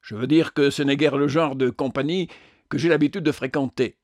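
A man's voice: medium pitch, steady tone, fairly quick, a little mellow, no room sound, studio quality, natural voice. A man voicing a small, snobbish, hostile man in an audiobook, speaking with disdain. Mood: sneering. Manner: sniffy, disdainful.

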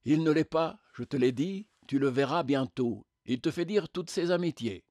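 A man voicing a serene, radiant male spirit who answers calmly and gently. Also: a little high, moderate pace, no room sound, clean studio sound, pitched above the performer's own voice, lightly acted. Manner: calm, gentle, reassuring.

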